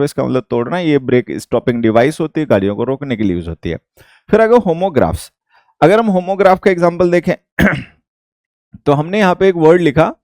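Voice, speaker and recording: Indian guy teaching english, kinda high voice, keeps checking "theek hai". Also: darkish tone, no room sound, studio quality. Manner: explains slowly, repeating each point and checking with "theek hai". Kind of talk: explaining a lesson.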